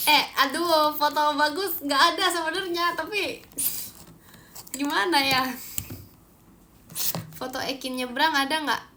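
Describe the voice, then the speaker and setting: A young Indonesian woman with a high, bright voice chats casually on a livestream, reacting to viewer comments with giggles and quick asides. She sounds close to a phone mic, with faint room noise behind her. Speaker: idol livestream host.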